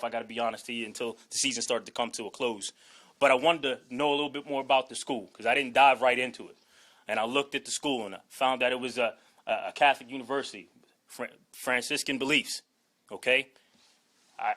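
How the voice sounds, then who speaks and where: He has a pushed, bright voice of medium pitch. In his forties and from Washington, D.C., he's introducing himself as the new head football coach at a press conference, speaking with earnest emphasis, restraining emotion, and frequently punctuating with "okay?" and "all right?"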